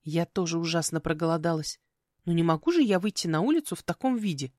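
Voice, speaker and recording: A woman voicing a sharp-tongued young witch heroine with quick, sarcastic retorts in a fantasy audiobook. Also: fairly low pitch, animated, no room sound, studio quality, natural voice. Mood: sardonic.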